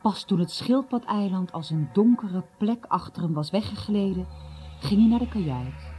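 A woman reading a story aloud in a hushed, often half-whispered, suspenseful way. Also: medium pitch, animated, normal speed, slightly rough. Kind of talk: dramatic read-aloud storytelling.

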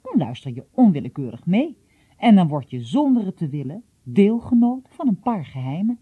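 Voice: mid-range voice, sing-song, moderate pace, slightly rough, dry recording, narrow, tinny audio. A reader voicing a shrewd, secretive old male gardener who talks in a confiding, mildly teasing way, in an audiobook. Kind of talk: audiobook reading.

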